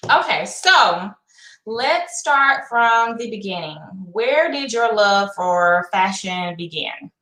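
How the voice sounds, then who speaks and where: Bright, echoey woman host. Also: mid-range voice, lively intonation, slow pace. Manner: chatty, curious, many likes. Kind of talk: casual live-stream interview.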